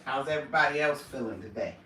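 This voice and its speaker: A woman's voice: rumbling low, quick pace, distant mic. A woman chatting casually on a home live stream, playful and nosy, with a Southern drawl. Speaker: vlogger going live. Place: home room. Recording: echoey room, voice from off the mic, loud background noise.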